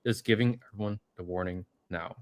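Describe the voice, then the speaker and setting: Laid-back and brisk, a man hosts a casual livestream Q&A, reading viewers' comments aloud in a lowish voice.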